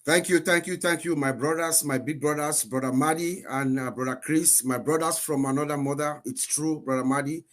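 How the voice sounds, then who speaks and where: A man's voice: on the high side, normal speed, few pauses. A man in his fifties who grew up in Cameroon, a guest speaker telling his life story on a live stream in an earnest, repeating way. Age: 50s.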